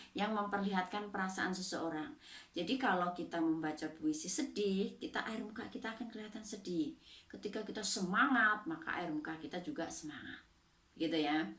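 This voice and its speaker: A woman's voice: fairly low pitch, fairly bright tone. A middle-aged woman teacher giving a lesson, talking patiently and often tagging her sentences with a questioning "ya". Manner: patient, adds tag "ya" often, fillers. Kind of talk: classroom lesson explaining slides. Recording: roomy echo, distant mic.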